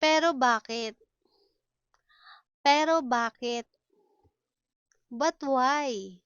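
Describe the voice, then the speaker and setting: A woman from the Philippines teaching a language, saying each short phrase twice in a slow drill and then giving its English meaning. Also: high voice, a bit bright, clear, resonant tone, no room sound, highs cut off.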